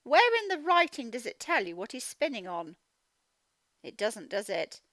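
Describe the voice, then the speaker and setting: A woman teaching phonics reads a storybook aloud to young children, sounding out words and asking them questions as part of an interactive lesson. Her voice is on the high side and sing-song, a bit bright, at a normal speed with no echo.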